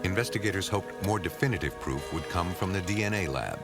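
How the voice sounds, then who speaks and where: Male documentary narrator, very low voice, grave and measured, read over loud music. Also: lively intonation. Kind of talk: scripted narration.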